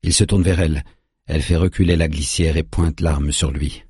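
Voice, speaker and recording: A man narrating an audiobook in a grave, measured way, recorded on a close studio mic. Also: very deep voice, fairly even intonation, darkish tone, breathy edge, dry recording.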